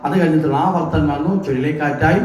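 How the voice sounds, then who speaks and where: A man's voice: a little high, fairly quick, darkish tone, roomy sound. A man giving a devotional scripture discourse at a temple, often asking the listeners questions and answering them himself. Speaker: religious discourse speaker. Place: temple hall.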